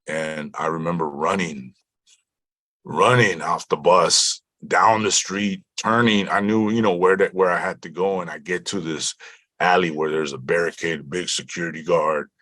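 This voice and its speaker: A man from Compton, California, telling an animated story about his acting career in a casual interview, acting out what people said. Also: low-pitched, normal speed, no echo. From Compton, California (born in Mexico). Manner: animated, acts out quotes in different voices.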